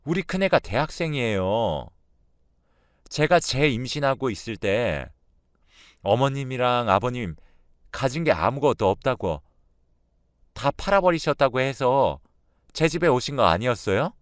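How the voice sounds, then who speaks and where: A man's voice: medium pitch, sing-song, unhurried, long pauses, dry recording, clean studio sound. A man voicing a middle-aged daughter-in-law who angrily confronts her mother-in-law, talking in a raised, pleading voice in a radio drama. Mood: indignant.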